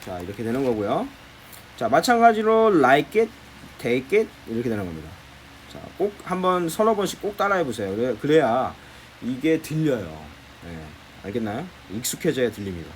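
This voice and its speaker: Lively male teacher explaining a lesson. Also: mid-range voice, a little fast, slight background noise. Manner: lively, repeats "자" often, explains in Korean. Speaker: middle school English teacher. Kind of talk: classroom lesson explaining textbook listening.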